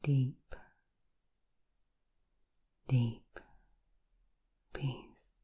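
A woman hypnotherapist leads a guided session in a very deep, dark, husky voice, soft and half-whispered. Her intonation stays fairly even as she offers slow, repeated suggestions.

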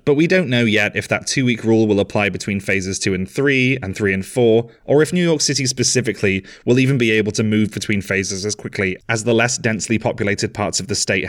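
A man hosting a podcast, reading scripted narration in a measured, explanatory way. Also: lowish voice. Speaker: podcast host.

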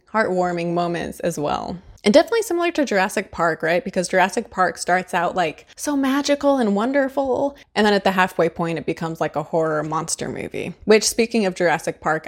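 A woman giving a casual, chatty book and movie review to camera, laughing often and using a lot of fillers. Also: fairly low pitch.

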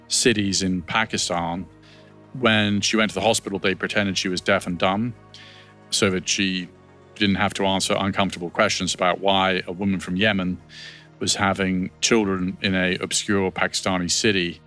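A man's voice: deep voice, fairly even intonation, moderate pace, pushed and bright, faint music behind. A man speaking as an expert commentator in an unscripted interview, conversational and explanatory.

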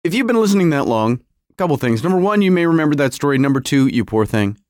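A man's voice: on the high side, big pitch swings, fast talker, darkish tone, dry recording, studio quality. A man hosting a casual solo podcast from his home garage, rambling wryly and often interrupting himself. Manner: self-interrupting, wry. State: feeling cold. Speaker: podcast host.

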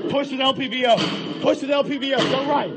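Male officer, very high strained voice, police radio and body cam sound buried in loud noise. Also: steady tone, fast talker. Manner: shouting terse tactical commands. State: tense, urgent. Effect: police body cam and radio audio, distant and noisy. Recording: noisy distant body cam audio.

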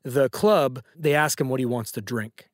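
A man's voice: medium pitch, normal speed, no room sound, clean studio sound. A man hosting a casual trivia quiz, upbeat and teasing as he quizzes a caller. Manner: upbeat, playful, teasing quizmaster. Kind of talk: casual podcast quiz banter.

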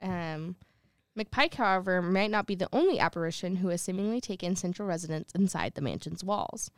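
Woman, young adult, podcast co-host, casual storytelling, slangy joking asides, smooth voice, dry close sound. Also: on the low side, lively intonation, fairly quick, no room sound. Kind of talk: casual chat while reading a ghost story from notes.

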